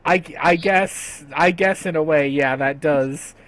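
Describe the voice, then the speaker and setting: A man voicing a hesitant, flustered noble father in a tabletop game, speaking in halting starts. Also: fairly high pitch, fairly bright tone, no echo.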